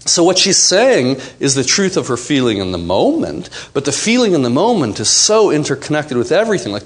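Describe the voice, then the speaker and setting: A man's voice: fairly high pitch, a little hiss or hum. A man teaching a live seminar to an audience, acting out quotes and asking the room questions. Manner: animated, acts out quotes, asks the audience questions. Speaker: workshop teacher.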